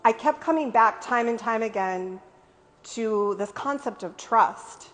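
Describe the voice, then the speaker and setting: A woman's voice: a little high, measured pace, in a large hall. A woman author giving an earnest, conversational speech at her book launch party, with frequent ums, in front of an audience indoors. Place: indoor event venue with an audience.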